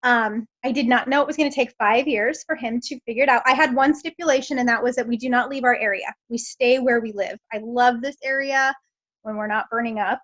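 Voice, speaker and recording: Hoarse, raspy high-voiced woman. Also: brisk, a bit bright. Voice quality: hoarse, smoke-roughened rasp. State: hoarse from smoke, often clearing her throat. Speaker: speaker sharing her personal story. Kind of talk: personal storytelling to an online group. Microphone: online group call. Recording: muffled lo-fi online call audio.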